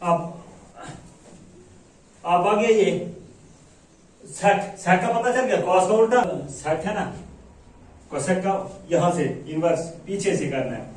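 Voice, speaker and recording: Slow, high-pitched male math teacher in an echoey room. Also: far from the mic. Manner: slow, repetitive explaining with frequent checks for understanding. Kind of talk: spoken math lesson.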